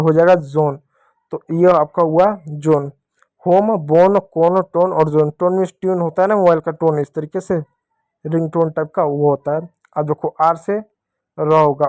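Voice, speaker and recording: A man's voice: fairly high pitch, darkish tone, dry recording. A man teaching children to read words, spelling each one patiently letter by letter and calling out to the kids. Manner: repeatedly addresses the children. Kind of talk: children's reading lesson.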